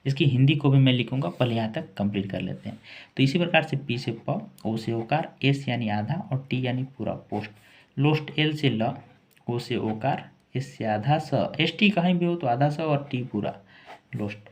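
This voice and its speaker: Man, English teacher, spelling lesson, spells letter by letter, repeats words, steady mid pitch. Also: normal speed.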